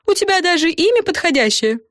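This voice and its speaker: A woman's voice: sing-song, quick pace, a bit bright, no room sound, studio quality, full character voice. A woman voicing a pompous, squealing tiny female fairy with a piercing voice in an audiobook. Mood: indignant. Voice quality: shrill, piercing. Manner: haughty and bossy, exclaiming. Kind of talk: audiobook voice acting.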